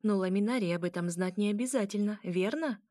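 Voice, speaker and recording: A woman's voice: mid-range voice, a little fast, no echo, studio quality, natural voice. A woman doing a brash, boisterous mermaid noble. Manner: loud, laughing, commanding.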